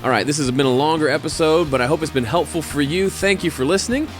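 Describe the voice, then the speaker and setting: Talking fast in a fairly high, slightly nasal voice, a man hosts a home-studio show where he casually answers listener questions and offers advice. He stays relaxed and conversational, with fillers and restarts, over soft background music.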